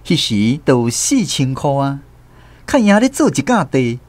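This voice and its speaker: In a radio drama, a male actor with a Taiwanese accent, a native Taiwanese Hokkien speaker, narrates as a man fondly recalling his rural boyhood. His mid-range voice moves through big pitch swings at an unhurried pace, in a reflective storytelling mood.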